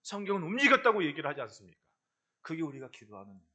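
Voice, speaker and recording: A middle-aged male pastor preaching a sermon in church, swinging between loud exhortation and low, confiding asides. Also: huge pitch swings, racing. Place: church sanctuary.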